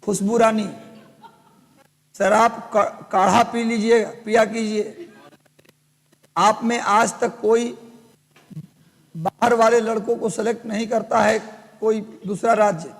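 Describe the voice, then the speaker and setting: A man's voice: high-pitched, fairly even intonation, takes it slowly, creaky, long pauses, in a large hall. A man teaching a live class, dictating and joking with students, his voice strained by a sore throat, with a Bihari Hindi accent.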